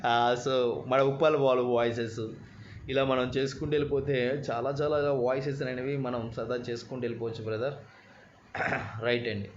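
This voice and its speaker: Male mimic hosting a live stream, friendly chatty delivery, dull lo-fi sound. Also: medium pitch. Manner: chatty, thanks commenters, mixes in English. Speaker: mimicry artist. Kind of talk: live-stream chat with viewers. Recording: lo-fi live stream, faint noise.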